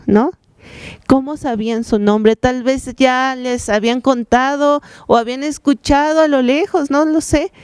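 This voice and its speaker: Female preacher, warm, smooth, asks the congregation questions; dry, close sound. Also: fairly high pitch, dry recording. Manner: conversational, asks the congregation questions, acts out cries. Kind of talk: sermon.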